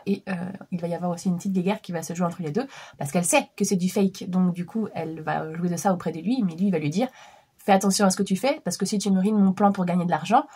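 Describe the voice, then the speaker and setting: A woman's voice: lowish voice, darkish tone, slightly rough. A woman in her thirties with a stuffed-up nose from a cold, chatting casually about books she has been reading, with lots of fillers. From France. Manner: chatty, many fillers and restarts. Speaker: book vlogger. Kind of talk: casual chat.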